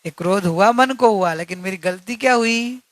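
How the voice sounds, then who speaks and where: A man's voice: sits high, moderate pace, fairly bright tone, dry recording. A man giving an earnest religious discourse, repeating key points and asking rhetorical questions. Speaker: spiritual teacher.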